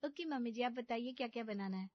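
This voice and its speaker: A woman's voice: on the high side, quick pace, close to an everyday voice. A woman voicing a naive, literal-minded young bride who talks in a sweet, innocent, chatty way in a cartoon story. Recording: slightly dull audio with background music.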